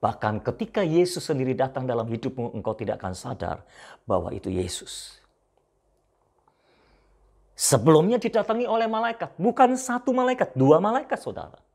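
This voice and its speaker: A man preaching a sermon, addressing his listeners directly and swinging between loud repeated phrases and hushed asides. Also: on the high side, very animated, moderate pace, vocal fry. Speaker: pastor.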